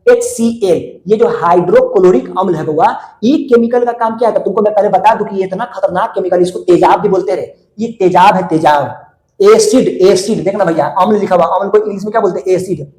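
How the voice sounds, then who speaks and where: High-voiced man drilling a class. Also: a little fast, dark tone. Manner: drills students with call-and-response questions; repeats words many times, colloquial. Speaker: teacher. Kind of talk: classroom lesson. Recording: echoey room.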